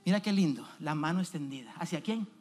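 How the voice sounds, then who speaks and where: A man's voice: fairly high pitch, expressive, a little fast, a little mellow, faint music behind. A man preaching a sermon as an evangelist in a church, speaking emphatically and asking the congregation direct questions.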